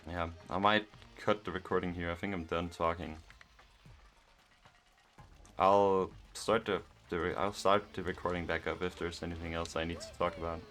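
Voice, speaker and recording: A young man thinks out loud while he plays a game, speaking in a flat, low monotone. His voice sits very deep, and faint music runs underneath. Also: fast, hardly any pauses. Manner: monotone, rambling, musing aloud. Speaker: gaming vlogger. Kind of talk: casual gameplay commentary.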